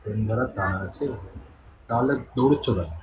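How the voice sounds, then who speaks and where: A man's voice: medium pitch, fairly quick, background noise. A man with a Bengali accent teaching English, patiently correcting a student's pronunciation step by step. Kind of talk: online tutoring session.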